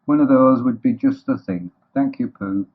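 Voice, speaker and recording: A man voicing a gloomy, dignified storybook donkey in a deadpan, sardonic, ponderous manner. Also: mid-range voice, moderate pace, creaky, breathy edge, voice pushed up. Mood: cold, sardonic. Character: gloomy, sarcastic, dignified male donkey, coldly resigned. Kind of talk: children's storybook character voice. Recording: thin phone-like, muddy old recording.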